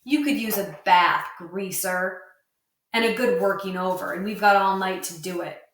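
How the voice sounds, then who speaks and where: A woman's voice: mid-range voice, moderate pace, fairly bright tone, natural voice. A drunk, sneering rich teenage bully, read aloud by a woman, taunting and slightly unsteady. The voice is heard in a roomy, echoing space from a distance.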